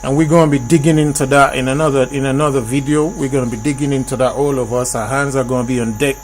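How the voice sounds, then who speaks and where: A man's voice: medium pitch, steady tone, fast, a little hiss or hum. A man hosting a casual group discussion, often repeating and rephrasing his points for emphasis. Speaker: host.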